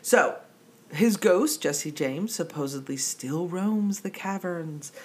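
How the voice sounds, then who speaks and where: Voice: mid-range voice, expressive, slow, a little mellow. A podcast co-host with a New Jersey accent in casual, digressive chat who laughs easily.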